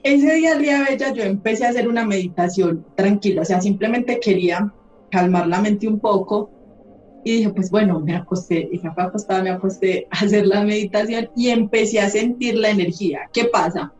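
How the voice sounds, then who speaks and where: A woman's voice: medium pitch, a little fast, darkish tone. Lady guest on a podcast, blunt and swears a lot, roomy kinda muffled sound, faint music under. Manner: candid storyteller who swears casually. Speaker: holistic therapist guest. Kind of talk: casual podcast conversation.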